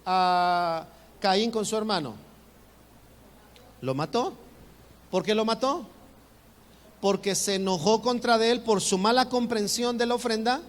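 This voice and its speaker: High-voiced pastor preaching in a hall. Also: male voice. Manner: animated, acts out congregants' voices with rising pitch. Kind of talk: sermon. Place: church sanctuary. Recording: reverberant church hall, faint ambience.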